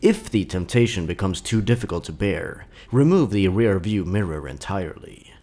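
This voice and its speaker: This horror story host and narrator has a low-sitting, warm voice and an expressive delivery that is scripted, deliberate and dramatic.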